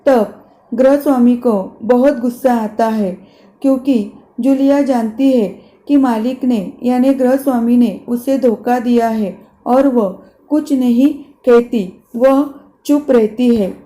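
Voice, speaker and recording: A woman's voice: a little high, slow, mellow. A woman teacher reading a play aloud to her class, stopping to explain words step by step. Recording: echoey room.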